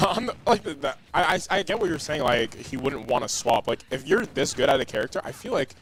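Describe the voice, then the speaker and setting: A young man doing excitable, casual color commentary on an esports match, saying "bro" a lot and laughing often. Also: a little high, fairly quick, a little hiss or hum.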